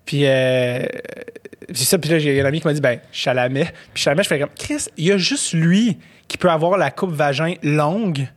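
A man's voice: on the high side, normal speed. A man with a Québécois French accent in casual podcast chat, rambling with many fillers and restarts.

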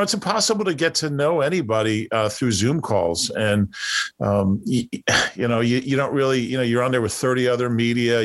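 A middle-aged man being interviewed as a sports reporter, speaking hesitantly with many fillers. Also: medium pitch. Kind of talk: podcast interview.

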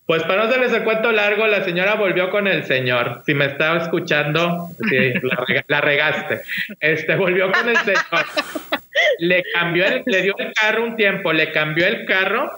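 A man with a Mexican accent, a guest, telling stories in casual chat, animated, laughing often and acting out voices. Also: sits high, moderate pace, slight background noise. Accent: Mexican Spanish. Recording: roomy echo.

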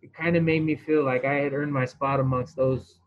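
A man, a former baseball pitcher, telling a story as an interview guest, rambling and swearing freely. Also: moderate pace, lo-fi sound. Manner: animated, rambling storyteller who restarts and swears.

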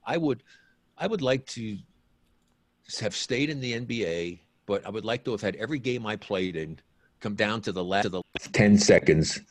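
A low-voiced man speaks earnestly in a relaxed interview, often repeating his first words before a thought lands. His audio cuts in and out over a remote computer link, so the loudness keeps jumping. The sound is dry and close. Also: normal speed, dry recording. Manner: earnest, repeats words when starting sentences. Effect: uneven volume, audio jumping in and out. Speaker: former pro basketball player as guest. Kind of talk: casual interview chat.

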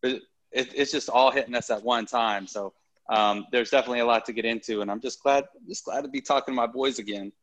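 A man's voice: mid-range voice, steady tone, quick pace, a bit bright. A man chatting casually as a podcast co-host in a folksy, informal way. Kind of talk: casual chat.

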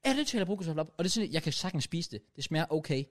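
A man's voice: fairly high pitch, big pitch swings. A young man with a Funen Danish accent, co-hosting a podcast in casual, playful chat full of slang. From Funen, Denmark. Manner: playful, slangy, laughs often. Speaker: podcast co-host.

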